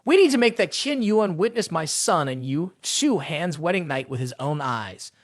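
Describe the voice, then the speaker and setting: A vengeful middle-aged sect elder from a fantasy story recap, cold and commanding as he plots, as a man voices him, with a high, lively pitch. The sound is dry and close. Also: moderate pace, no room sound.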